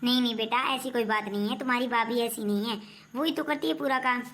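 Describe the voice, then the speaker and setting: A woman playing a soft-spoken placating mother. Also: a little high, fast talker, a little hiss or hum, natural voice. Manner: soothing, placating. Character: gentle, placating mother-in-law, middle-aged woman. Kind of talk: amateur family skit.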